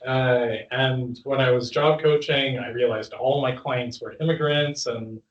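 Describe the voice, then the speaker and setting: A Canadian man in his thirties speaking to a live audience as the guest, chatty and relaxed, laughing now and then. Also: medium pitch, a little slow. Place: room with an audience. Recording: dull, roomy sound from a distant mic.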